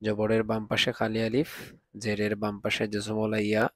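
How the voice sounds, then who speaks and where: A man teaching Quran reading, drilling letter sounds slowly and patiently. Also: on the low side, completely flat delivery, dry recording. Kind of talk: recitation lesson, spelling out letters.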